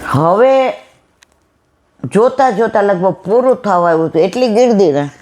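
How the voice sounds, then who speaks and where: A woman's voice: mid-range voice, lively intonation, normal speed, darkish tone. Woman telling a folksy devotional story. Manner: acts out family dialogue in a folksy style. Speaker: satsang speaker.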